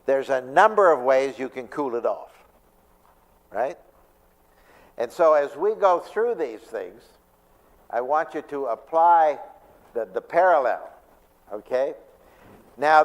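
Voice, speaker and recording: A male pastor giving a conversational church talk on stress, often asking the audience questions. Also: on the high side. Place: church sanctuary. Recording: long reverb of a church hall.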